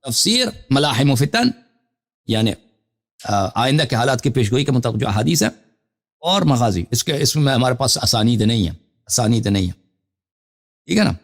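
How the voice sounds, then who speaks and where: A Shia cleric with a medium-pitched, sing-song voice hosts a live call-in show, leaving long pauses. He reads Arabic citations and explains them at length in a scholarly lecture, posing questions to the caller.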